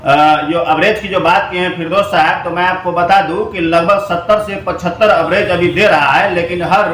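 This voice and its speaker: A man's voice: sits high, fairly even intonation, moderate pace, a bit bright. A man interviewing on location as a local reporter, asking long, rambling questions. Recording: echoey room with faint noise.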